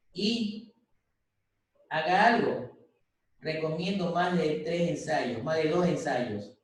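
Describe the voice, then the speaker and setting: Echoey distant male lecturer on a call. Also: a little high. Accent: Ecuadorian Spanish. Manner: informal, advice-giving, with mock examples. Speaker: university lecturer. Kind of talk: online class lecture. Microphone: video call. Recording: echoey video-call audio from far off.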